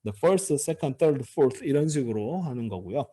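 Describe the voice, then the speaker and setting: Lively, mellow-voiced man teaching grammar. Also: takes it slowly, slightly rough. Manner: explanatory, many fillers and restarts, pitch swinging widely. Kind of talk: lecture.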